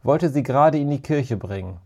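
A man's voice: mid-range voice, lively intonation, moderate pace, vocal fry, dark tone. A man voicing a wry, kindly old caretaker. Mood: rueful. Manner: muttering, self-deprecating.

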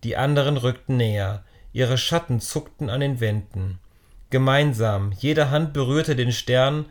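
A man narrating a children's story in a calm, measured reading voice. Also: medium pitch.

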